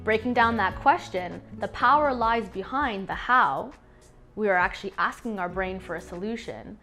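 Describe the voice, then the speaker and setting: A young adult woman hosting a motivational coaching talk, leaning hard on key words and musing through drawn-out pauses. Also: mid-range voice, animated, sharp tone, faint music behind. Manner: emphatic, leans on key words. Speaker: host.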